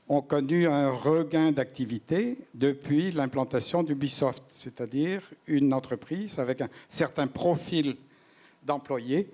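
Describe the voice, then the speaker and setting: A man gives testimony on a panel, speaking deliberately, phrase by phrase with pauses. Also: mid-range voice, a little mellow. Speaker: panelist, neighbourhood resident.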